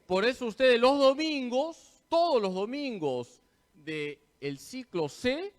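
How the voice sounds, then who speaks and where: A male priest teaches a parish class at an unhurried pace. His voice sits a little high and swings widely in pitch as he quizzes his listeners and then answers himself, repeating each key point. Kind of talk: parish catechesis talk.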